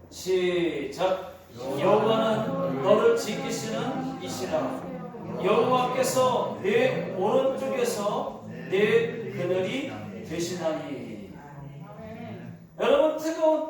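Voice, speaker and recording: A man's voice: very high voice, a little hiss or hum. A male pastor delivering a sermon in a church, repeating words for emphasis. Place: church hall. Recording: echoey hall, far from mic.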